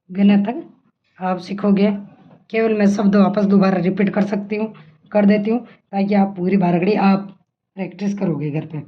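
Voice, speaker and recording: A woman teacher giving a classroom lesson, asking questions and answering them herself, repeating each point. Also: medium pitch. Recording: dull lo-fi sound.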